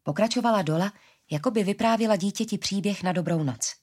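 A woman narrating a story, reading with a steady, even delivery. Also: mid-range voice.

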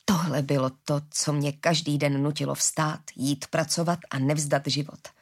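A woman reading the lines of a gentle, forgiving father in a storybook, slowly and earnestly, with a low husky voice. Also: steady tone.

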